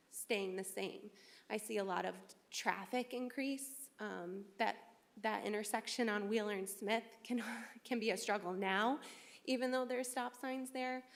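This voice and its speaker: A woman's voice: medium pitch, gravelly. A woman in her thirties giving an earnest, hesitant public comment at a town meeting, full of ums and a little emotional. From Connecticut, USA. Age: 30s. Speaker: resident speaking at public comment.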